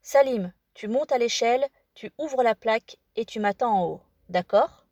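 A determined young girl who speaks firmly yet coaxingly, as a woman reads her. Her voice is set fairly high and recorded dry and close, like a quiet storybook reading. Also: moderate pace, dry recording, dull audio, lightly acted. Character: determined young girl, gentle but firm.

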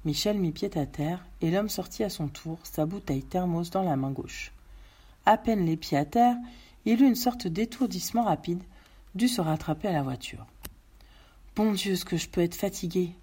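A woman narrating a novel aloud in measured storytelling. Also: fairly low pitch, expressive, mellow, slightly rough.

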